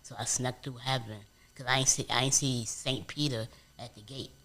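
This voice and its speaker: A man, a guest on a casual couch interview, telling stories in an animated way with street slang. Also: medium pitch, normal speed.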